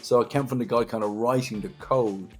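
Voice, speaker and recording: A man in his fifties from Dublin, Ireland, speaks with a Dublin Irish accent at medium pitch, his intonation fairly even and his pace a little fast, with a slightly mellow quality. He's a technology entrepreneur appearing as a guest in a conversational interview, chatting about his own career and repeating words for emphasis. Soft music plays in the background.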